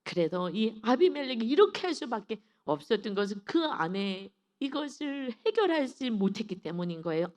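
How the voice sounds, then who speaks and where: A woman's voice: on the high side, sing-song, moderate pace, hardly any pauses, a little mellow. A woman pastor giving an early-morning devotional sermon, telling a personal story with feeling and voicing her own inner thoughts.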